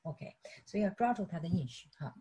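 A woman's voice: on the low side, expressive, fairly quick, warm tone, breathy edge. A middle-aged woman teaching a sermon on prayer, chiding her listeners with rhetorical questions and stumbling over repeated words. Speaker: Bible teacher.

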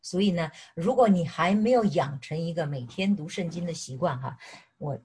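A middle-aged woman from mainland China gives an animated sermon, mixing personal testimony with questions to her listeners. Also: lowish voice, normal speed, slight background noise. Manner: animated, repeatedly asks "是不是". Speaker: preacher.

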